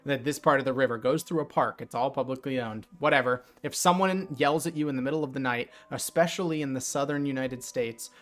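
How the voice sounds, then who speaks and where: A man casually retelling a night fishing trip in a chatty, animated way, with lots of fillers. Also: mid-range voice, brisk, hardly any pauses. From New Jersey. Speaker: streamer. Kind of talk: casual storytelling.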